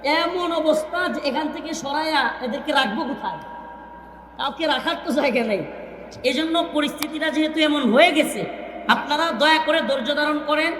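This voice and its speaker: Stern high-voiced preacher, echoey. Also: male voice, normal speed. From Bangladesh. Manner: stern, repeatedly hushing and ordering the crowd. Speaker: Islamic preacher. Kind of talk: Islamic sermon to a large crowd. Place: crowded stage at a large gathering. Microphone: stage microphone. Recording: echoey public-address sound with long reverb.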